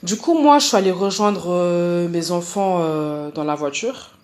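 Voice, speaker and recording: A woman's voice: lowish voice, unhurried, a little mellow. A woman narrating a personal story in casual slang, chatty and full of fillers, hosting her own channel. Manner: slangy, chatty, acts out dialogue.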